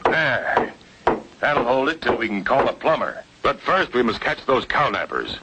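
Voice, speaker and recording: An actor playing a confident male hero pilot who gives calm orders in an old cartoon. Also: mid-range voice, measured pace. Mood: steady. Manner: calm, commanding. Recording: old soundtrack, loud noise.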